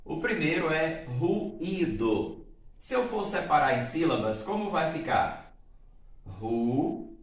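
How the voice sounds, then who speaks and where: A man's voice: a little high, very animated. A male teacher from Brazil, explaining a grammar lesson and often checking in with his students. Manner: explains slowly, checks in with "certo?" and "tá bom?". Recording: echoey room, voice from a distance.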